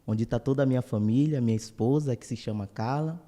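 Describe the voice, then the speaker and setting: A man, a guest preacher who speaks with warm, grateful greetings. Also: medium pitch, brisk, long reverb tail. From Salvador, Bahia, Brazil. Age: 20s. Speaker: guest preacher, church elder. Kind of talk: casual interview talk.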